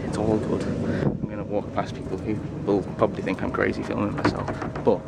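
A man's voice: fairly low pitch, monotone, a little fast, vocal fry. Chatty young man filming himself at sea. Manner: chatty, self-mocking. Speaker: vlogger. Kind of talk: casual self-filmed vlog. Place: deck of a tall sailing ship at sea, outdoors. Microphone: handheld camera at arm's length. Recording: loud wind noise on camera mic. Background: wind and sea.

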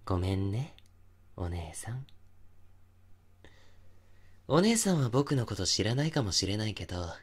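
A man playing an obsessive, possessive young stalker in an intimate ASMR voice drama, softly coaxing and teasing with menace. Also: on the low side, big pitch swings, a little fast, hardly any pauses. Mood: tender, possessive, menacing.

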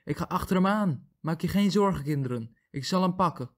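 A man voicing a small, brave male wren father in a read-aloud fable, raising his voice gently as a storyteller would. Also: on the high side, animated, a little fast, voice pushed up, natural voice. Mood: determined.

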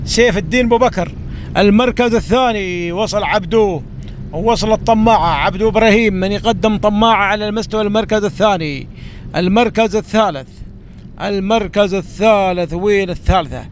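A man's voice: sits high, a little fast. A man with a Gulf Arabic accent giving live camel race commentary, repeating phrases for emphasis. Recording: outdoor recording with vehicle noise. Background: faint car and outdoor noise.

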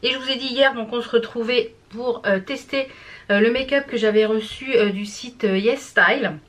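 A woman vlogging casually to camera, hoarse and out of breath, chatty and full of hesitant fillers. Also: a little high, moderate pace, a bit bright. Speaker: beauty vlogger. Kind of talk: casual vlog chat to camera.

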